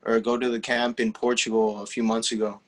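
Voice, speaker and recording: This young teenage footballer, whose native language is Spanish, answers a casual interview with a mid-range voice. His delivery is easygoing but halting, peppered with fillers and restarts.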